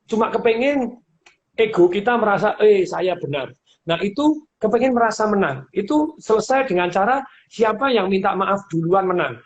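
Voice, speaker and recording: A middle-aged man giving casual advice as a guest speaker, animated, laughing often and acting out the lines he quotes. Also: high-pitched, normal speed. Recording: dull lo-fi audio with faint hiss.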